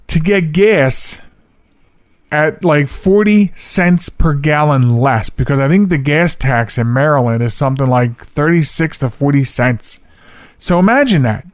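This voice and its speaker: An American man hosts a solo podcast, chatting casually and rambling while correcting himself along the way. His voice is a little high and smooth, captured in a dry, studio-quality recording.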